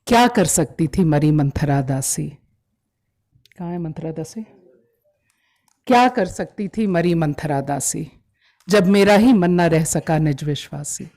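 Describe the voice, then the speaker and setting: A woman at a live gallery event, chatting briefly and then reciting a long poem in a measured way that swells with emotion. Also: mid-range voice, dark tone. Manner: mixes Hindi and English, measured, swells with emotion in the verse. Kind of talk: live poetry recitation with chat. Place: exhibition event in a gallery hall.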